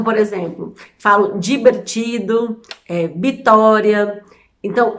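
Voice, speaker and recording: A Brazilian woman in her thirties with a Brazilian Portuguese accent, chatting casually to camera as a vlogger, amused and full of examples. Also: fairly high pitch. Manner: chatty, amused, explains with many examples and restarts. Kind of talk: casual explainer chat to camera.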